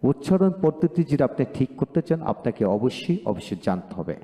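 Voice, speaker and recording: A man gives a pronunciation lesson, saying every drill word twice in a slow, deliberate rhythm and then explaining his method to viewers in an earnest, encouraging way. His voice is mellow and dark. A long echoing reverb trails behind each word. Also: mid-range voice, very animated. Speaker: pronunciation teacher. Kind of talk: spoken English pronunciation lesson.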